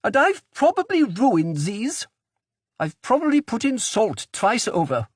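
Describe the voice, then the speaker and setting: A man voicing a distressed, angry housewife who speaks in a high-pitched, anguished way. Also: sing-song, unhurried, breathy edge, dry recording, clean studio sound, heavily acted. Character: distressed, angry farm housewife, middle-aged.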